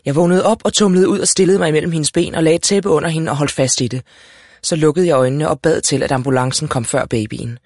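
Guy reading a story out loud, lively and wry, bit high pitched, dead dry sound. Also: dry recording. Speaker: audiobook narrator. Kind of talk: first-person storybook narration.

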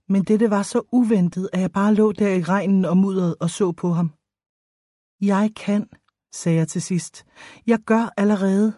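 A woman reading a first-person audiobook in a measured, expressive storytelling way, close to the microphone. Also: mid-range voice, no room sound. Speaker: audiobook narrator.

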